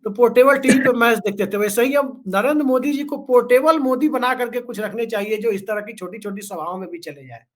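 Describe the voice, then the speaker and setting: High-voiced man, sarcastic political commentary. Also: fairly quick, hardly any pauses. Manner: sarcastic, joking, storytelling asides. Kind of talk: casual political discussion.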